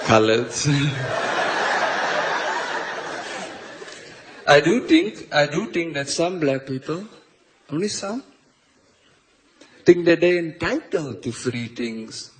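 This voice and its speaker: A South African man doing a stand-up comedy set, delivering punchlines deadpan and mock-confessional into a stage mic. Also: on the high side, very slow, long pauses, a faint crowd. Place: comedy stage before a live audience. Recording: live show with clear audience noise.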